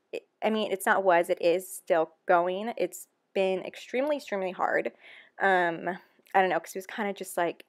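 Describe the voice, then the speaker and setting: A woman's voice: fairly low pitch, vocal fry. Chatty young woman, candid and emotional. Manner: chatty, frequent ums and likes. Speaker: planner vlogger. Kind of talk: casual talking voice-over.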